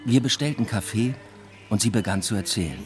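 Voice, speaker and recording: Speaking a little fast over music, an actor with a lowish voice close to everyday speech portrays a weary, introspective male academic. He delivers literary first-person narration for a radio play in a dry, reflective, understated manner.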